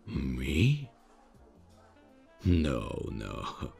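A man acts an extremely deep-voiced male demon in a fantasy audio roleplay, his exaggerated voice gravelly with a creak. He speaks very slowly, in a stilted, halting, deadpan way, awkward yet menacing, in a dry, curious mood, with faint music behind.

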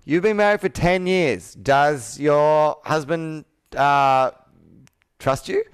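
A man in his thirties, a sales coach, asks direct, probing, persuasive questions during a conversational roleplay on a video call from an indoor room with a whiteboard. His voice sits a little high and moves slowly and smoothly. The recording is dry and of studio quality.

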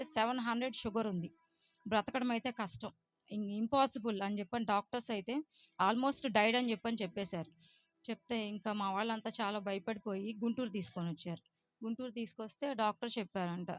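A woman's voice: on the high side, dry recording. A young woman, telling her personal testimony in an earnest, emotional way and mixing in English words. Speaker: church member giving testimony.

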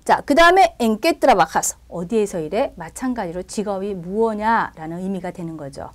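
A woman's voice: medium pitch, animated, moderate pace. A woman teaching Spanish in a recorded lesson, explaining step by step and often checking in with her listeners.

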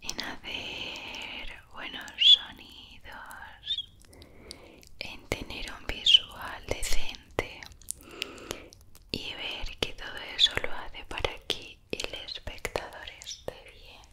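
Whispering woman with a very slow delivery. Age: 20s. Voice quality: breathy, unvoiced whisper. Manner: soothing, slow, repeats words softly. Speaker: ASMR creator. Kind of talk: whispered ASMR. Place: small indoor room. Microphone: close-up studio microphones.

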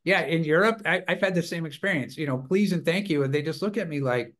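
A man hosting a podcast interview, talking in a casual, halting way with lots of fillers. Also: a little high, a bit bright. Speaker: podcast host.

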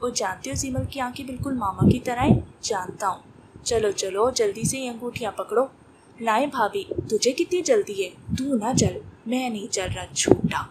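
A woman with a slightly high voice reads a romance novel aloud, voicing every part without changing her tone. A clear hiss and clicking sit under the whole recording. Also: normal speed. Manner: reads all parts in her own voice. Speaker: novel narrator. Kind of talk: audiobook reading of a romance novel.

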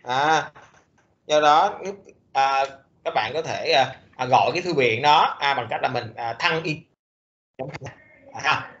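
A male lecturer explains code slowly, filling pauses with hesitant sounds and restarting his sentences. His voice is bright and forceful, and the recording is dull and lo-fi. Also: medium pitch. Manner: halting, many fillers and restarts. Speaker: programming lecturer.

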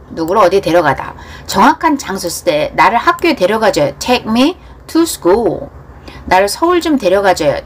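A woman teaching English through a pop song, repeating lyrics slowly line by line and then explaining them in quick bursts. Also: medium pitch, husky.

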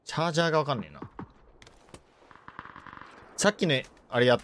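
A woman streams a shooter game and chats casually with viewers, rough and tough-talking, with loud outbursts as she plays. Her delivery is fast and her pitch swings widely. A faint hiss and some clicks sit under the voice. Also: animated. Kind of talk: casual live-stream chat while playing.

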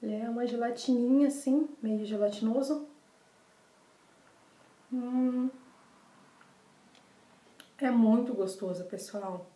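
A young woman with a Brazilian Portuguese accent presents desserts in a casual vlog to camera, repeating words for emphasis. She speaks slowly with long pauses, her voice a little high with a dark tone. She's indoors in a small, bare room that makes the audio echo.

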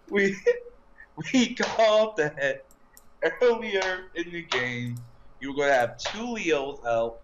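A man's voice: on the high side, animated, slow, pauses often, dull audio, a little hiss or hum. A young man co-commentating a card game, teasing his friend and laughing often. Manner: laughs a lot, teasing, exclaims in surprise. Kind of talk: casual commentary over an online card game.

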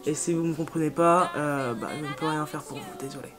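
Woman with an eastern French accent, casual music chat, low-ish voice, rambling and slangy, music bed clearly audible. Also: fairly quick. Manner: slangy, excitable, rambling with many fillers. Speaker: music YouTuber. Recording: music playing clearly behind the voice.

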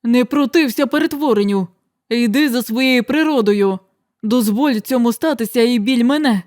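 A woman's voice: on the high side, normal speed, no room sound, clean studio sound, natural voice. Woman voicing a stern commanding father. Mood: urgent. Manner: loud, urgent, commanding. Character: stern father, a werewolf, middle-aged man.

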